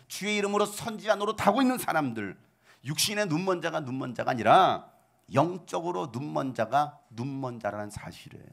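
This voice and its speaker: A middle-aged male pastor preaching, full of rhetorical questions and sudden shouted outbursts, with a gravelly voice. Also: fairly high pitch. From South Korea. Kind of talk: sermon.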